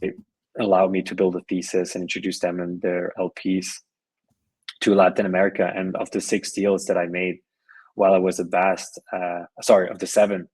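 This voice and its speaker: A man's voice: sits low, level tone, moderate pace, a little mellow, husky, no echo, low-quality recording. A middle-aged man being interviewed on a podcast, speaking in an easygoing conversational way with frequent restarts and repeated words. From Switzerland and Colombia. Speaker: podcast guest, venture investor.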